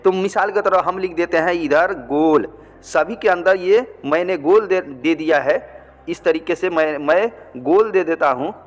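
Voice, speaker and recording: Male teacher, patient and repetitive, fairly high voice, recorded with a long reverb tail. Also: unhurried. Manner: patient, repetitive, checks with "ठीक". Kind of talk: blackboard language lesson.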